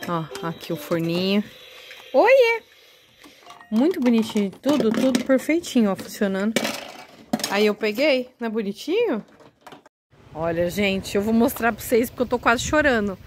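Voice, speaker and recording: Holding her phone outdoors on a residential street, a chatty woman vlogger eagerly talks to her viewers in a casual walkthrough, with faint street noise behind her. Her mid-range voice is expressive and moves at a normal speed.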